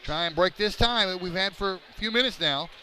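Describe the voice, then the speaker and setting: Play-by-play man, high voice, noisy gym, excited calls on big plays. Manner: rapid excited calls that rise on big plays, joking banter in lulls. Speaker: play-by-play announcer. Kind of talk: live basketball commentary.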